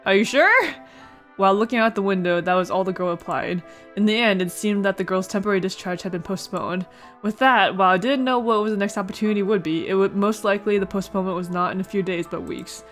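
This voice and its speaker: This woman reads a visual novel aloud in a casual let's play, her mid-range voice fast but steady in tone. She stumbles over words now and then and adds playful remarks, with music behind her.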